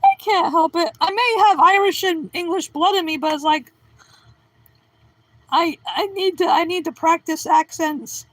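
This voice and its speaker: A woman's voice: extremely high pitch, unhurried, no room sound, poor audio. A middle-aged woman hosting a casual livestream at home, answering chat and cracking goofy, self-deprecating puns. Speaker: livestream host reading chat.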